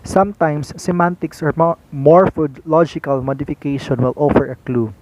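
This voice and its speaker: A young man, a student reporter, reading a class lecture aloud in a careful, deliberate way. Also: fairly high pitch, steady tone, darkish tone, poor audio.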